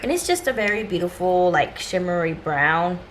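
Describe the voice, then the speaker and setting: A woman's voice: fairly low pitch, lively intonation, normal speed, background noise. A woman talking casually and directly to viewers as a beauty vlogger, giving an informal shopping haul review.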